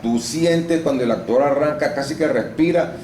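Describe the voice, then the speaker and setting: A man's voice: on the high side, moderate pace. A man, an actor and voice-over artist in a casual interview, explaining at length and with some restarts. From Venezuela. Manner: explanatory, lively storytelling with restarts. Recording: roomy room with faint noise.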